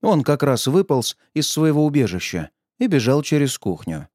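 A man narrating an audiobook in a lively, expressive reading. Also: medium pitch, moderate pace, no room sound, clean studio sound.

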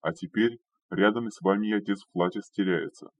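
A man's voice: fairly low pitch, fairly even intonation, brisk, lightly acted. A man voicing a loyal male retainer who pleads and speaks hesitantly, recorded distant and dull. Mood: humble, hesitant.

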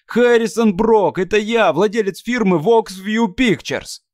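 An offended film studio boss speaks fiercely, his voice pushed up high, as a male narrator acts him out. The words come slowly and deliberately. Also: a little mellow, no room sound. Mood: indignant. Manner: fierce, indignant.

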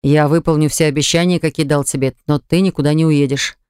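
A man reading an audiobook, voicing a stubborn young man who slowly and insistently presses his point. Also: steady tone, darkish tone, clear, resonant tone, no echo, natural voice. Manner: low, slow, persuasive and pressing. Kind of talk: audiobook character voice. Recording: dry close studio recording.

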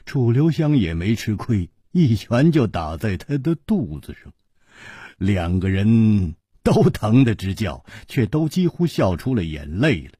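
A husky male voice telling a martial arts tale slowly and dramatically. His pitch swings widely for effect. The sound is dry and close. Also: sing-song, warm tone, no echo. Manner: dramatic, vivid storytelling. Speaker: storyteller. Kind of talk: Chinese storytelling narration.

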